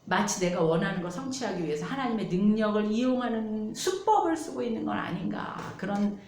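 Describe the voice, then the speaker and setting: A woman's voice: mid-range voice, expressive, brisk, a little mellow, roomy sound, a little hiss or hum. A middle-aged woman pastor preaching a sermon, telling stories and acting out quoted prayers. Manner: storytelling, acts out quoted prayers. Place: church sanctuary.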